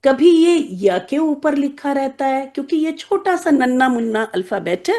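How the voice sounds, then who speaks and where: A woman's voice: high voice, a little mellow. A woman teaching Quranic Arabic letters to a class of mostly young girls, explaining patiently with playful examples and frequent check-ins. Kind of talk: classroom lesson.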